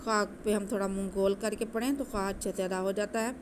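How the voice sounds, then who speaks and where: A woman teaching Quranic recitation, patiently explaining each letter and then chanting the words slowly. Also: medium pitch, steady tone, a little hiss or hum.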